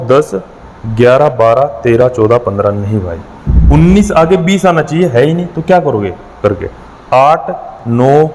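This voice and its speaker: A man's voice: a little high, darkish tone, in a large hall, slight background noise, low-quality recording. A man teaching an exam-prep reasoning lesson, working through problems step by step and counting numbers aloud with frequent checks on his students.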